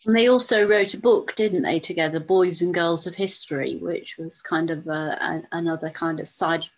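A woman's voice: fairly low pitch, fairly even intonation, moderate pace. A woman hosting an online talk, reading out audience questions and adding her own loose, reflective remarks. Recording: dull, lo-fi sound.

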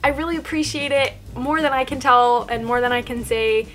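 A woman's voice: sits high, brisk, a bit bright. A young woman chatting to her channel's viewers in a casual vlog, bubbly, giggly and enthusiastic. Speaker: YouTube vlogger.

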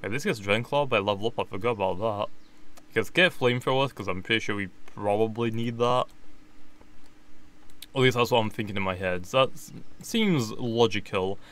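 A man's voice: lowish voice, normal speed, fairly bright tone. A man giving casual gameplay commentary, thinking aloud and correcting himself as he goes. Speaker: gaming YouTuber.

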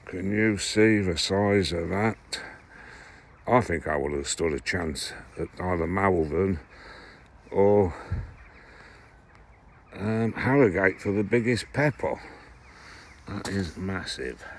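Talking casually to camera, an allotment gardening vlogger from England, in his sixties, rambles about his harvest and keeps correcting himself. He speaks at a slow pace in a low-pitched voice, pausing often, while moving between greenhouses and plots, partly outdoors.

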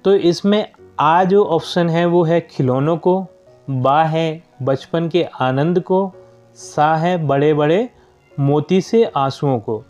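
Young male teacher, patient classroom explainer, mellow and fairly high voice. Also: slow, lo-fi sound, faint music behind. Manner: patient, keeps addressing children. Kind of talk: explaining a school worksheet.

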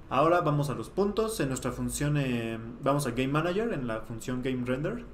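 Here a young coding tutor explains his code on a screen-recorded tutorial, thinking out loud in a relaxed way as he types. His mid-range voice carries vocal fry, and the small webcam room at his desk gives a roomy echo plus faint noise.

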